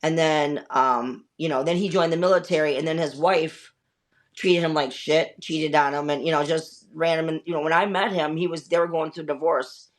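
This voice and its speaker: Low-pitched and fairly even in tone, a woman in her fifties talks at a moderate pace as host of a casual conversation. She rambles candidly through her stories, peppering them with fillers and swear words.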